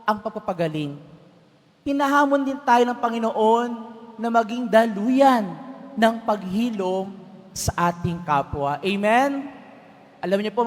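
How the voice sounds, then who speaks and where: A man, a priest, giving a homily at Mass, telling a story and asking the congregation to answer back. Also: very high-pitched. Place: large church. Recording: long church reverb.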